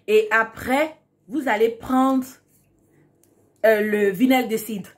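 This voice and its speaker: A woman's voice: on the high side, steady tone, slow pace, background noise. A woman hosting a casual beauty tutorial, talking emphatically and repeating key words for stress. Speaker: beauty tips host.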